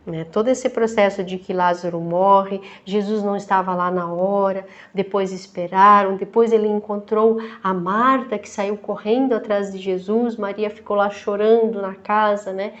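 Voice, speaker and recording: A woman's voice: medium pitch, fairly even intonation, highs cut off. A woman deacon with a Brazilian Portuguese accent, giving a reflective Bible study and reading scripture aloud, often checking in with her listeners. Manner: slow, thoughtful, with frequent "né?" tags.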